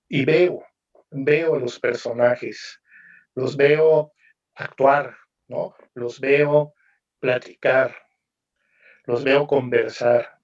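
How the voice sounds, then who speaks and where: Unhurried male novelist, reflective panel guest, muffled and distant on a video call. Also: mid-range voice, a little mellow. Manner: reflective, musing, frequent tag questions. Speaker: novelist guest presenting his book. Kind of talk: literary panel talk.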